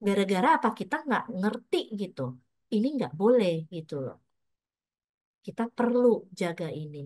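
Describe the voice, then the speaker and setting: A woman's voice: mid-range voice, lively intonation, moderate pace, darkish tone, dry recording. A middle-aged woman pastor giving a casual, chatty sermon full of personal stories, mixing in English words.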